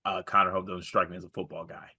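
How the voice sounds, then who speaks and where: A man's voice: low-pitched, little pitch movement, fast, bright, forceful tone, breathy edge. An American man co-hosting a casual sports chat, conversational and wry, often repeating phrases for effect. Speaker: sports podcast co-host.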